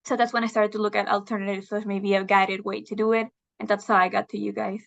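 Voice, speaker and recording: A young woman from Venezuela answers interview questions in a thoughtful, hesitant way, often pausing with fillers. Her voice sits at a middle pitch, and the recording has a slightly dull, lo-fi sound. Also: little pitch movement, gravelly. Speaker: interview guest. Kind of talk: video interview.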